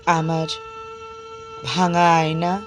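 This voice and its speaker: A woman with a low voice gives an emotive, plaintive poetry reading, drawing out her pauses for dramatic effect while music plays in the background.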